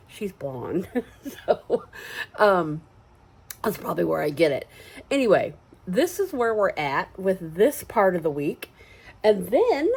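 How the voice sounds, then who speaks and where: A woman's voice: on the low side, a little mellow, breathy edge. Chatty woman in her sixties vlogging. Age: 60s. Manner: chatty and rambling, with easy laughs. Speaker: sewing and crafts vlogger. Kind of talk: casual vlog chat. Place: at home and out running errands.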